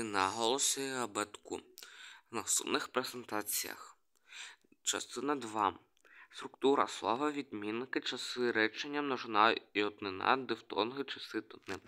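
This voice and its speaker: A man hesitantly explaining the alphabet, tenses and grammar of a language he invented, going through his slides with many pauses and restarts. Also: fairly low pitch, sharp tone. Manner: hesitant, reading letters one by one, many restarts. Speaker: hobbyist presenting a made-up language. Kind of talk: screen-share explainer.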